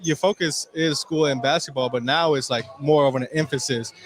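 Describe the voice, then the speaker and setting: A man's voice: fairly high pitch, fairly even intonation, moderate pace. A man giving local radio color commentary at a basketball game, talking loosely with lots of "you know" fillers. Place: basketball gym, courtside.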